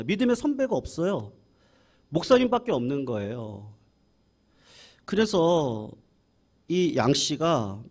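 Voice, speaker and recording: A man, a senior pastor, preaching a sermon as a lively story and acting out quoted voices. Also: on the high side.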